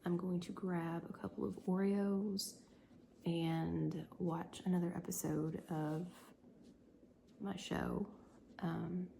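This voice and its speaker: A tired woman vlogging her day as a crochet business owner and homeschooling mom, whispering softly and rambling with lots of ums late at night at home. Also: lowish voice, level tone, slow, gravelly, slight background noise.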